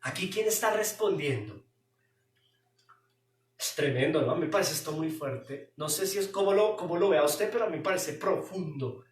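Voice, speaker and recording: High-voiced preacher in an echoey church. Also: male voice, normal speed. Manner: expressive, rhetorical questions. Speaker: pastor. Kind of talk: sermon. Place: church sanctuary. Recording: roomy hall, distant mic.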